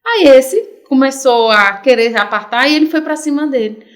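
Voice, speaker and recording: A middle-aged Brazilian woman with a Brazilian Portuguese accent, a podcast guest chatting casually and telling anecdotes lively, acting out the quoted voices. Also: high-pitched, normal speed. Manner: animated storyteller, acts out quoted voices. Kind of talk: casual chat.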